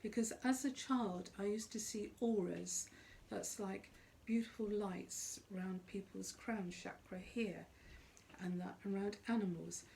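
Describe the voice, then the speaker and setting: A middle-aged or older woman with a dark, mellow voice at an average pitch gives an unscripted monologue. She is earnest and emphatic, choosing phrases deliberately and repeating them for weight. There is faint noise behind her voice. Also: creaky. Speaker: psychic. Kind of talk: unscripted spoken monologue on spiritual life.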